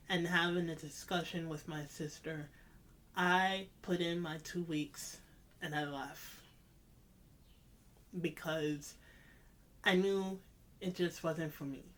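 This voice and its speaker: A vlogger with a mid-range voice tells a personal story in a reflective, confessional way. The phrasing is deliberate and halting, with emphatic repetition.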